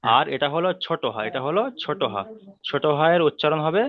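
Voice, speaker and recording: A man who teaches Arabic reading in an online class. He talks patiently and repeats each sound slowly so students can drill it. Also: a little high, animated. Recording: dry, tinny phone-like call audio.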